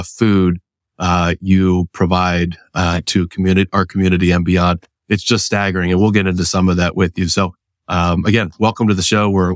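Podcast host guy, low voice, easygoing, dry close sound. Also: no echo. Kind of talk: casual interview hosting.

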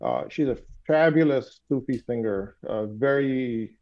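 The interviewee, a man from Pakistan who grew up speaking Urdu, has a mid-range voice on a muffled call. It's an easygoing conversation, and his reflective, philosophical thoughts come out haltingly, padded with fillers.

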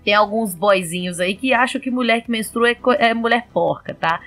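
Woman podcast host, high voice, chatty, explains and laughs, faint music behind. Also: normal speed, a bit bright. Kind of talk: casual chat.

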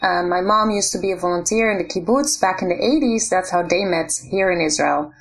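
A woman from the Netherlands, a guest on a podcast interview, speaking thoughtfully and steadily with soft fillers. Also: on the low side, a little fast. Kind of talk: casual interview chat.

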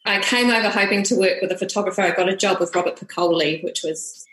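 A woman's voice: mid-range voice, quick pace, fairly bright tone. Echoey Kiwi woman, broad accent. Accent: broad New Zealand (Kiwi). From New Zealand. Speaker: podcast guest, family portrait photographer. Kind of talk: conversational interview. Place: room, standing with baby in arms.

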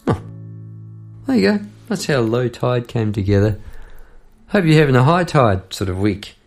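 Gravelly New man spinning a yarn. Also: mid-range voice, big pitch swings, moderate pace, darkish tone, soft background music. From New Zealand. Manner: chatty, rambling, laughs between lines. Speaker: podcast host and songwriter. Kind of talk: casual storytelling monologue.

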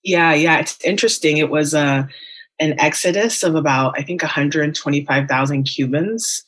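A woman's voice: low-pitched, moderate pace, a bit bright. A young adult woman, a writer and teacher, talking candidly and thoughtfully in a casual podcast interview, with many ums and likes. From Las Vegas and Miami, United States.

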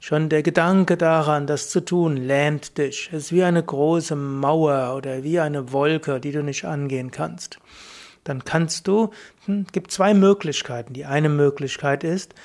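A man hosting a self-help podcast, speaking slowly and calmly, repeating key phrases. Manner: slow, measured, repeats phrases, shifts between higher and deeper voice to demonstrate. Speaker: podcast host. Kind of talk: calm guided self-help talk.

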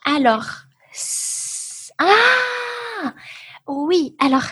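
A high-voiced woman teaches an online language class over a video call. Her delivery is slow and patient, with a husky, breathy edge. She encourages her students warmly and moves between French terms and English explanations.

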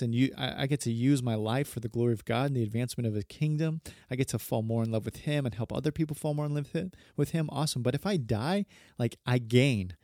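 A man's voice: medium pitch, a little mellow, no room sound, clean studio sound. A man in his thirties, a pastor hosting a podcast, talking casually in a rambling, earnest way and often correcting himself. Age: 30s.

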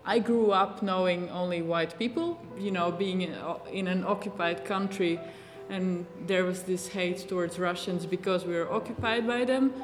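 Earnest woman from Latvia. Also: medium pitch. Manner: earnest, reflective. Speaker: resident. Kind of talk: casual chat. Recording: long reverb.

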